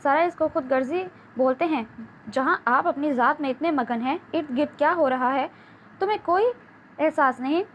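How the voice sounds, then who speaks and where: Woman voicing a sharp-tongued angry young wife. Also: sits high, lightly acted. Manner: sharp, scolding delivery. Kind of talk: audiobook novel reading. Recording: dull lo-fi with faint hiss.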